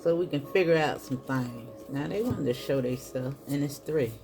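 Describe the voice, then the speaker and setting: A woman's voice: extremely low pitch, moderate pace. A woman doing a casual spiritual card reading, chatting to her viewers and calling them y'all. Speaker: tarot reader. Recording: soft music in the background.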